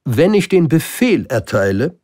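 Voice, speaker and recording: A man voicing a pompous old king in a storybook, giving loud commands. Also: fairly high pitch, sing-song, unhurried, no room sound, studio quality, pitched above the performer's own voice. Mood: commanding. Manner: commanding, declaiming orders. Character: pompous old king, bossy but kindly.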